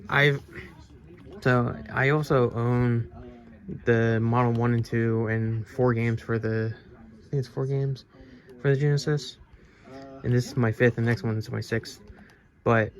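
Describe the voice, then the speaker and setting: A man hosts a casual retro game haul video at an ordinary middle pitch. He rambles, stumbles and restarts his sentences. His voice sounds a little stuffy from allergies. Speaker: game collecting channel host. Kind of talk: casual haul video, reading game back covers aloud.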